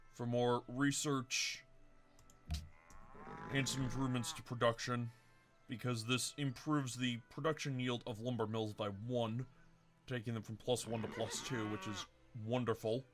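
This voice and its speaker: A man's voice: medium pitch, bright, forceful tone. A man hosting a let's-play video, casually thinking aloud and correcting himself as he plans his moves. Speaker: game commentator.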